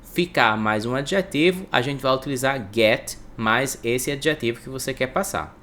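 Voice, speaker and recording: A man teaches English to Portuguese speakers, breaking phrases into slow drills and repeating words for the listener. His medium-pitched voice is fairly bright, with a little hiss or hum.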